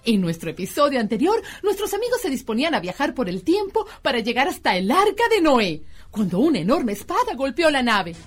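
A woman with a high, very lively voice narrates a children's adventure. She hosts in a scripted storytelling style, her pitch swinging widely over faint music. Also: brisk. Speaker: narrator and host.

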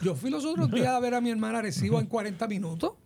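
High gravelly radio host. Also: male voice, big pitch swings, over a noisy crowd. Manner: quick interjections, steers the conversation. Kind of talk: radio talk show hosting.

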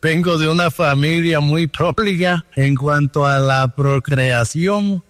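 A man's voice: on the high side, slow pace, no room sound, clean studio sound, long reverb tail. Dominican man telling his story. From Dominican Republic. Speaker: guest. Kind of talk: testimony over the phone. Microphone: phone line.

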